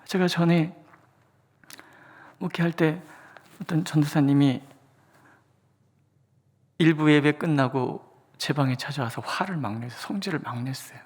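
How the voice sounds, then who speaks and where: A pastor preaching a dawn prayer sermon, moving between loud, emphatic lines and soft, whispered asides, and acting out the voices of the people in the stories. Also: medium pitch, a little slow, long pauses. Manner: acts out quoted voices.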